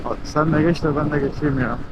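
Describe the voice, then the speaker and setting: A man's voice: a little high, fairly even intonation, fast. A man from Turkey chats casually and upbeat as a motovlogger, speaking slightly muffled from inside a helmet while riding outdoors. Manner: upbeat, talking to viewers and to his bike. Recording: wind and engine noise over helmet mic. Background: wind and vehicle noise.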